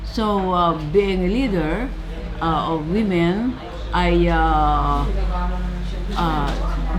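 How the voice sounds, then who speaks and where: A Filipino woman in her seventies, a labor organizer answering interview questions in English with a Filipino accent, pausing often with fillers and repeated words. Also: lowish voice. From Philippines. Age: 70s. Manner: halting, many fillers and repeats. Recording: crowd noise behind.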